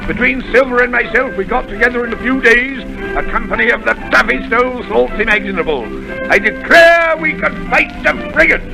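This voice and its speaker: Squire Trelawney, a blustering, gravelly squire. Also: male voice, very high voice, fairly quick, music in the background, full character voice, low-quality recording. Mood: excited. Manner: excitable, exclaiming, theatrical. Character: blustering, boastful middle-aged country squire. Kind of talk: 1930s radio drama acting.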